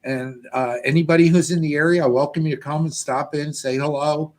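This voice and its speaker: A man's voice: on the high side, fairly even intonation, fairly quick, a little mellow. An American man co-hosting a casual show in a friendly, welcoming manner. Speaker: show co-host. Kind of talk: casual chat.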